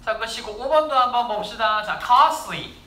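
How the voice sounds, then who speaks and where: A woman teaching English vocabulary to a class, brisk and drilling words aloud for the students to repeat. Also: fairly high pitch, expressive, bright, forceful tone, reverberant.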